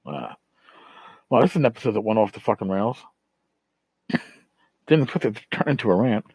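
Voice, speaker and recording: Lowish, slightly mellow and husky, the voice belongs to a middle-aged tabletop gaming podcast host ranting casually at a moderate pace with lively intonation. He's profane, blunt and exasperated as he rambles, and the rough recording has no echo.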